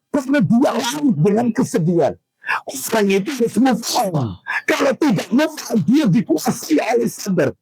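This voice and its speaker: A man preaching a sermon to a women's study group. He is animated, sending his pitch up to act out his examples, and he stops to quiz his listeners. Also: dry recording, poor audio. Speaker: Islamic preacher.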